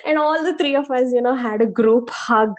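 A woman co-hosting a casual podcast, telling a story in a lively way and acting out the voices she quotes. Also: a little high, moderate pace. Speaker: podcast co-host.

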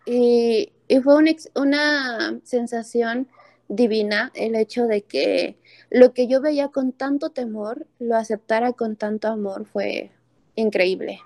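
Young Mexican woman, higher mellow voice, heartfelt personal storyteller. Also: steady tone, slow. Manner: earnest, heartfelt, with many fillers and restarts. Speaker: speaker telling a personal story.

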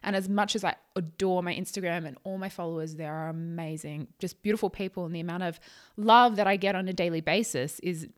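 Nervous, chatty woman with a slightly low voice. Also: brisk. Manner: nervous, chatty, stumbling over words. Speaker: podcast host, psychic channel. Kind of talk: casual solo podcast talk.

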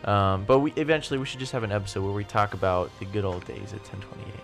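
A man's voice: on the low side, steady tone, fast, gravelly, a bit bright, soft background music. A young man co-hosting a podcast, chatting casually and joking about his roommates. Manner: joking, teasing banter. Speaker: podcast co-host. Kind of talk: casual chat.

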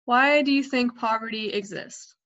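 A woman's voice: a little high, moderate pace, fairly bright tone, muffled recording. Woman's question in corrupted glitchy audio. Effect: corrupted glitchy audio that cuts out. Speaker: interviewer. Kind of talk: asking interview questions.

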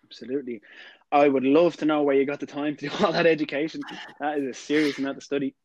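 A man's voice: on the high side, level tone, fast, a little mellow, no echo, lo-fi sound. A man, casually presenting and interviewing as a podcast host.

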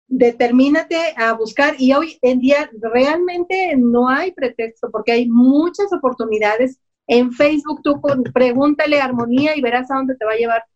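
A woman coach giving an earnest, encouraging talk that speaks straight to the listener. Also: a little high. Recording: dull lo-fi audio.

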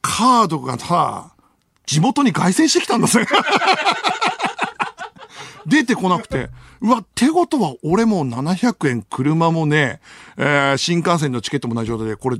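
A man hosts a late-night radio show from a dry, close-miked studio. His voice sits high and swings widely as he acts out a story, throwing in sound effects and laughter. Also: gravelly, a bit bright, no room sound. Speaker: radio host. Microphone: studio microphone.

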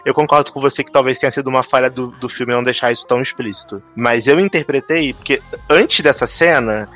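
A man's voice: fast, pushed and bright, soft background music. A man in casual podcast talk, rambling and acting out film scenes in funny voices. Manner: chatty, rambling, acts out scenes in high voices.

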